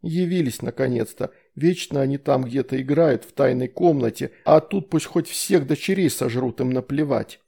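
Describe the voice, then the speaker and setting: A man reading an audiobook narration in a measured, even way. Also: medium pitch, creaky, slightly rough. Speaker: audiobook reader.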